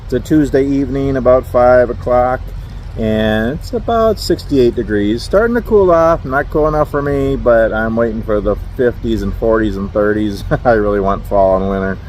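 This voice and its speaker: A middle-aged truck driver vlogger from Minnesota, with a Minnesotan accent, talks casually to camera from his parked truck at a rest area, rambling, self-deprecating and chuckling often. His mid-range, darkish voice is animated at normal speed. The low-quality recording has slight background noise.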